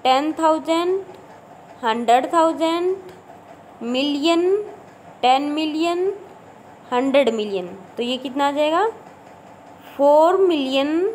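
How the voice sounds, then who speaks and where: A woman's voice: high voice, takes it slowly, pauses often, darkish tone, slight background noise, rough recording. A woman teaching a school math lesson with a Haryanvi Hindi accent, talking patiently and repeating numbers with frequent "okay" checks. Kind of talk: classroom math lesson in Hindi-English mix.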